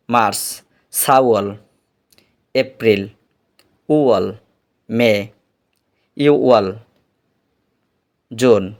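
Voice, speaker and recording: A man teaching a language lesson, step by step and deliberately, repeating each word so learners can drill it. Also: lowish voice.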